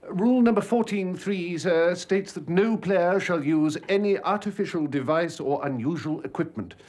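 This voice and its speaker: An actor playing a formal, measured and deferential English valet. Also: male voice, sits high, a little mellow. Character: unflappable, dignified gentleman's valet.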